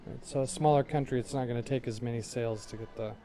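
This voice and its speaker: A man's voice: mid-range voice, steady tone, fast, mellow, faint music behind. A man in his forties co-hosting a podcast in casual chat, laid-back and trailing off with fillers. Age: 40s. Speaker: podcast co-host.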